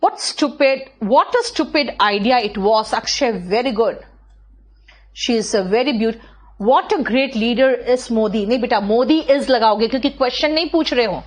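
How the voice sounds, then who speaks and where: An Indian woman teaches English to a live online class. She reads each student's sentence at a very slow, deliberate pace and praises them by name. Her corrections are patient, and her quick asides come in between. Her voice sits a little high.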